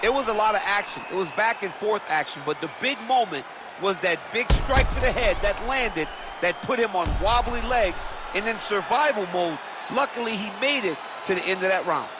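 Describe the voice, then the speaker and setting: A man's voice: high voice, expressive, moderate pace. A man voicing an enthusiastic color commentator who emphatically explains technique in a fighting video game. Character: enthusiastic male MMA color analyst. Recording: loud arena crowd noise. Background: roaring crowd, loud fight arena ambience.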